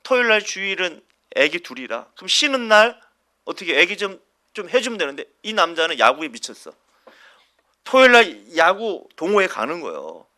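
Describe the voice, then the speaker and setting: A man's voice: high-pitched, big pitch swings, moderate pace, sharp tone. A male pastor preaching a Sunday sermon at a church service. He talks animatedly, asks the congregation questions and acts out everyday quarrels with a chuckle.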